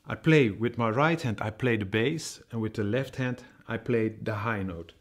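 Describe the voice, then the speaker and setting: A man teaching a cajon rhythm, explaining slowly and patiently with many fillers and spoken drum sounds. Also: lowish voice. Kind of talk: music tutorial.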